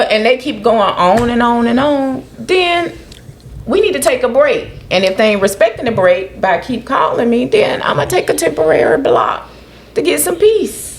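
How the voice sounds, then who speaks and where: A woman co-hosting a casual podcast chat, animated and questioning, speaking. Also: fairly high pitch. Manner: animated, questioning, often quotes others in a raised voice. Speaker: podcast co-host.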